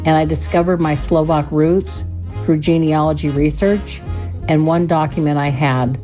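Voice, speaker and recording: A woman from Alaska reading her personal family story in a measured, reflective way. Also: deep voice, steady tone, warm tone, faint music behind. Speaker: listener telling her story. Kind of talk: read personal testimony.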